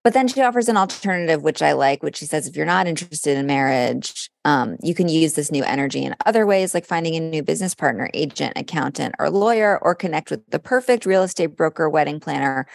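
Reading horoscopes on a casual podcast, a woman co-host speaks quickly in a low, creaky voice with big pitch swings and hardly any pauses. Her delivery is conversational with dramatic touches, recorded in clean studio sound without room tone.

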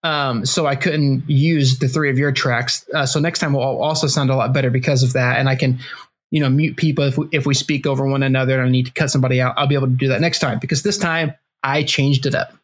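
A man's voice: mid-range voice, steady tone, fast talker. A man hosting a casual podcast, rambling and restarting his sentences as he jokes with friends. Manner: rambling, self-correcting, joking. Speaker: podcast host and editor.

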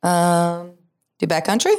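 A woman guest singer chatting casually in a radio studio, relaxed and laughing easily. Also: on the low side, measured pace, background noise. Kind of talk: casual chat between songs.

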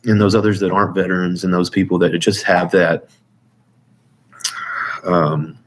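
Very low-pitched man speaking casually, earnestly. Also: fairly even intonation, moderate pace, slight background noise. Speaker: interview guest, military veteran. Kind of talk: casual conversational testimony.

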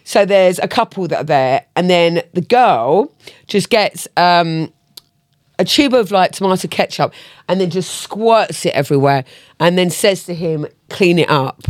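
A woman's voice: lowish voice, expressive, a little slow, dry recording. A middle-aged woman co-hosting a podcast in casual chat, frank and laughing, steering the talk on a studio mic. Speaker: podcast co-host.

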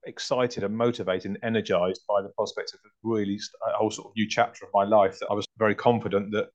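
A butcher and farm shop founder in his forties, from north London and Hertfordshire, appears as a podcast guest with an English home counties accent. His lowish voice is level and quick, with the highs cut off, and he answers conversationally, often rephrasing mid-thought.

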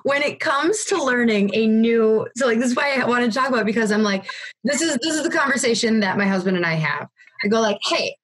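A woman in her thirties hosts a podcast interview. She is chatty and tells stories with a laugh. Her voice is a little high and husky. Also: animated, fast talker, a bit bright. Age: 30s. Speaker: podcast host.

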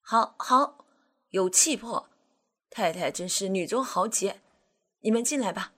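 A woman's voice: mid-range voice, a little slow. A woman voicing a smug, scheming male aide. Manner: hushed, coaxing, smug. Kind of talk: audiobook character voice.

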